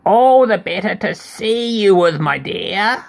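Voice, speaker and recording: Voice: mid-range voice, lively intonation, takes it slowly, vocal fry, pitched above the performer's own voice. A parent reading a storybook aloud and voicing a sly, hungry wolf who pretends to be a sweet old lady.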